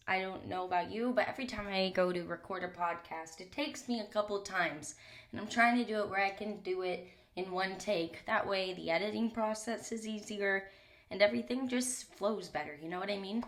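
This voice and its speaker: Talking at a moderate pace in a mid-range voice, this young podcast host delivers a solo monologue from a small closet. Her voice is a little stuffy with a cold, and she keeps things candid and casual, with some swearing.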